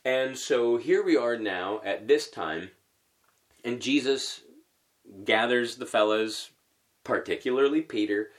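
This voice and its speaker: A man's voice: medium pitch, slow. A man giving a conversational sermon, posing rhetorical questions and thinking aloud with fillers as he teaches. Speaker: preacher.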